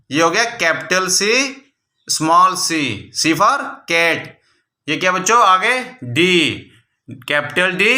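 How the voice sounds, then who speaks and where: A male primary school English teacher takes young children through the English letters at the board, patient and repetitive, slowing down to spell out each one. He often repeats "ठीक है बच्चों." His voice is a little high and sharp, and the classroom sounds echoey.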